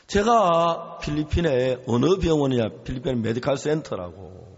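Male pastor, sermon, animated storytelling, long hall echo, dull lo-fi sound. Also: medium pitch, a little slow, breathy edge. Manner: animated storytelling, acts out quoted voices.

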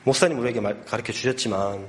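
A man's voice: medium pitch, fast. A male pastor preaching a sermon, telling stories emphatically and punching his points with vivid sound words.

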